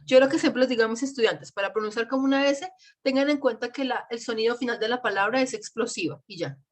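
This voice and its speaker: A woman's voice: fairly high pitch, fast. A woman teaching an online class through a computer mic. She talks patiently, spelling out letters and repeating examples for her students. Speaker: English teacher.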